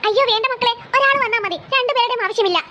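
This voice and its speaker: Cartoon mom at the end of her rope, super high and sharp, nagging nonstop. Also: very fast, a little hiss or hum. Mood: coaxing. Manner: nagging, fed-up scolding. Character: exasperated scolding mother of two girls. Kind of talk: cartoon voice acting.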